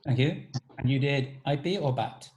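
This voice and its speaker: A man's voice: mid-range voice, normal speed, darkish tone. A man hosting an alumni talk over a video call, casually inviting each former student to introduce themselves.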